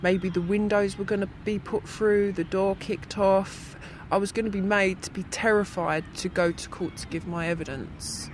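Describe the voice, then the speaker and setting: A woman's voice: mid-range voice, fairly even intonation, moderate pace, slight background noise. Young woman, voice disguised. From South London. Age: young adult. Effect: electronically disguised voice. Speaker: anonymous witness. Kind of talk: interview testimony.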